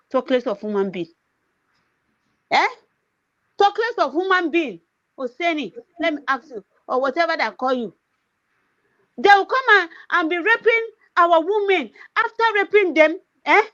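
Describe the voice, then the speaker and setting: An activist livestreamer with a Nigerian accent, English not her first language, pours out a passionate political rant, emphatic and repetitive with constant "eh" fillers. Her high, expressive voice runs at normal speed with long pauses and a slightly bright tone. The recording's highs are cut off.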